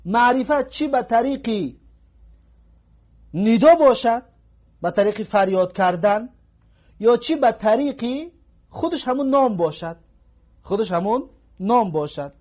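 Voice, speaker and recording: High-voiced man teaching. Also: darkish tone. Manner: patient, repeats examples slowly. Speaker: Arabic grammar teacher. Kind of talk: classroom lecture. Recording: dull lo-fi recording.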